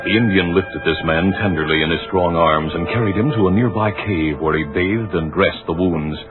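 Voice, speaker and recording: A man narrating a radio drama in a measured, dramatic way. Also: low voice. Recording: tinny old radio broadcast with music. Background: music.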